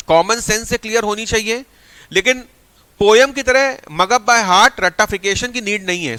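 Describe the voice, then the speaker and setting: A male teacher giving an energetic exam-prep lecture, mixing Hindi with phrases. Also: high voice, dry recording.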